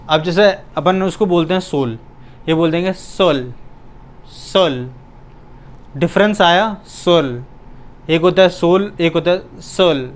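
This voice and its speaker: A male language teacher giving a pronunciation lesson, repeating each word slowly and answering his own questions. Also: sits high.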